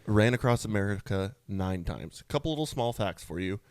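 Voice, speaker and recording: A man's voice: on the low side, lively intonation, a little fast, darkish tone, clear, resonant tone, no room sound, studio quality. A young man co-hosting a podcast, telling a story in a laid-back, casual way and swearing now and then. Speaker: podcast co-host. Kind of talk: casual chat.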